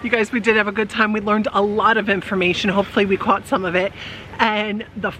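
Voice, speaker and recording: A woman's voice: medium pitch, flat delivery, fast talker, sharp tone, rough recording. A woman co-hosting a casual travel vlog outdoors, chatty and giggly, talking into a handheld camera. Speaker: vlog co-host. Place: outdoors at a wildlife preserve. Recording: outdoor wind and noise.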